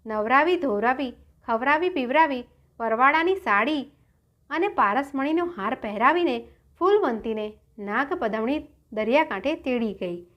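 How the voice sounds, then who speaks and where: A woman storyteller narrates a folk tale with drama and many exclamations. Her voice sits high. The delivery is expressive throughout. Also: unhurried.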